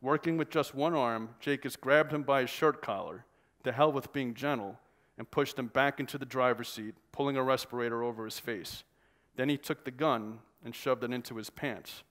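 A man, the author, reading a passage from his novel aloud at a measured pace. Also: medium pitch, a bit bright.

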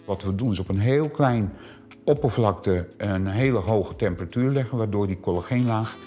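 Music plays behind a middle-aged clinic owner whose lowish voice moves at normal speed. In a small indoor treatment room, he answers interview questions explaining treatments, with lots of hesitant filler sounds.

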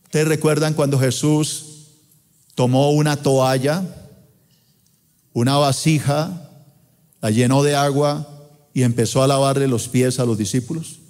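Impassioned Colombian pastor in echoing auditorium. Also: male voice, steady tone, measured pace, long pauses, darkish tone. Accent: Colombian Spanish. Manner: impassioned preaching with sweeping pitch swings. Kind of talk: sermon. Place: large church auditorium. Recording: long hall reverb in church auditorium.

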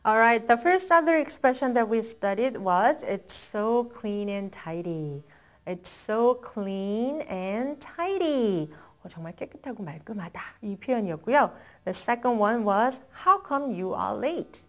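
Lively, slow-drilling teacher. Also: female voice, fairly high pitch. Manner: switches between quick Korean explanation and slow, deliberate English model phrases. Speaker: English teacher. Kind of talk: language lesson with slow drill repetitions.

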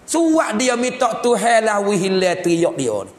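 A man with a Patani Malay accent teaching a religious text in a mosque, lively and joking as he acts out scenes of home life. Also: high voice, measured pace. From southern Thailand. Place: mosque hall. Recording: echoey hall with long reverb.

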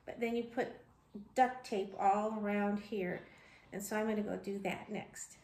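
A woman's voice: mid-range voice, steady tone, unhurried, a little mellow. A woman in her thirties chatting casually as she works at her kitchen counter, thinking aloud with ums and restarts, recorded on a camera across the counter. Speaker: homesteading vlogger. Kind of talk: casual how-to narration. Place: home kitchen, indoors. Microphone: fixed camera across the counter. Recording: echoey kitchen with background noise.

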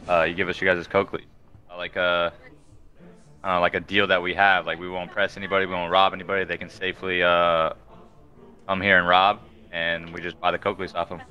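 A man's voice: low voice, level tone, fairly quick, natural voice. A man playing a casual gang dealer in an online game role-play, talking in a hesitant, slangy way. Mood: businesslike. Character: casual male gang dealer making deals. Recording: dull voice-chat audio, faint music.

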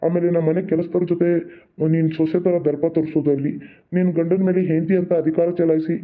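A man's voice: a little high, narrow, tinny audio, lightly acted. A man voicing a stern, wealthy father-in-law in a cartoon, laying down rules in a commanding, condescending way.

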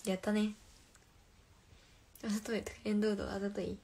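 A woman's voice: mid-range voice, level tone, moderate pace, dark tone, husky. A young woman hosting a casual phone livestream, reading viewer comments aloud and answering playfully, often dropping to a whisper. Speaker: livestream host.

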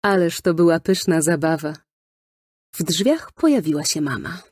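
A woman narrating a children's storybook in a lively storytelling manner, recorded close in a studio. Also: deep voice, moderate pace, slightly rough, dry recording. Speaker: audiobook narrator.

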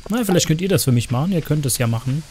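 A man's voice: on the high side, lively intonation, rapid-fire, a little mellow, slight background noise. A man giving casual, chatty gameplay commentary as a streamer, joking around and cursing in crude asides to his chat.

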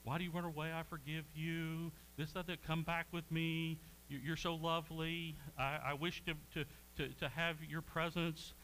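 A man acting out an ancient Levite priest sweet-talking his concubine, in a soft and gentle tone. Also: fairly high pitch, flat delivery, normal speed, few pauses, slight background noise, lightly acted, poor audio. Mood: tender.

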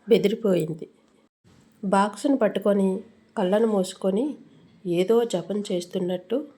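A woman storyteller reads a suspense tale steadily and suspensefully, in what sounds like scripted narration for a story channel. Her warm, mellow voice sits at an ordinary middle pitch.

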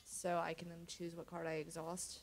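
Her voice is fairly low and monotone, at a normal speed. This young American gaming host, stuffy and sniffly with a cold, sits at her home computer casually commentating a card game let's-play and often muttering to herself in a relaxed way.

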